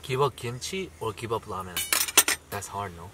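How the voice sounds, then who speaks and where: A young man with a lowish voice trades dry remarks in casual chat. He sounds off-mic, and loud noise sits under his voice in the tent. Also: lively intonation, normal speed, distant mic. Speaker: co-host husband. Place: inside a small tent in winter.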